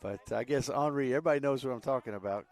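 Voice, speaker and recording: A man doing live play-by-play commentary on a youth soccer match, relaxed and chatty with frequent fillers. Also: mid-range voice, very fast.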